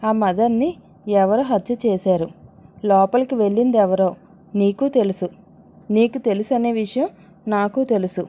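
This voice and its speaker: Woman doing a bossy scheming young woman, low mellow voice, pushy and threatening. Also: moderate pace, pauses often, lightly acted. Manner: pushy, commanding.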